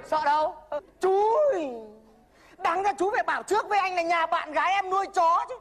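A woman's voice: extremely high pitch, moderate pace, some chatter behind. A woman playing a bossy know-it-all older mentor. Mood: blustering. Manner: lecturing, bossy, blustering. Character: cocky older-brother mentor, bossy and boastful. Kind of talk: comedy sketch acting.

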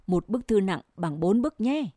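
A woman's voice: mid-range voice, expressive, mellow, dry recording, studio quality, natural voice. A woman voicing a cheerful, busy elderly male postman in a read-aloud story. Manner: brisk and friendly.

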